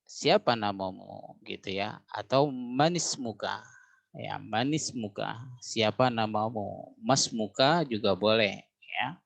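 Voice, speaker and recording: A man teaching a language class, explaining slowly and repeating phrases, often ending with a drawn-out "ya". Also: fairly low pitch, creaky, a bit bright. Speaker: Arabic teacher.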